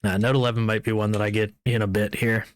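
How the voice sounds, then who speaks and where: A man's voice: fairly low pitch, flat delivery, fast, no room sound. A man streaming a video game, giving casual commentary and reading in-game text aloud.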